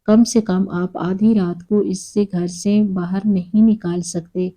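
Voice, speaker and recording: A woman's voice: mid-range voice, fairly even intonation, dark tone, natural voice. A woman voicing a young man who pleads with his father in a spoken story. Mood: pleading.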